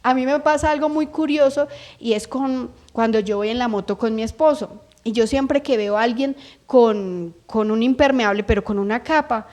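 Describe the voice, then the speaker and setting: A woman's voice: on the high side, moderate pace, a little mellow. A middle-aged woman with a Colombian accent preaching a sermon earnestly, often acting out what people say. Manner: earnest, acts out quoted voices.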